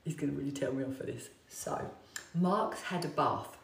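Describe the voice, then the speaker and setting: Low-voiced woman, chatty and roomy. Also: moderate pace, creaky, a little hiss or hum. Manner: chatty, animated, self-mocking storyteller. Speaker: fitness trainer. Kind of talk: casual storytelling chat to viewers. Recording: echoey room, distant mic.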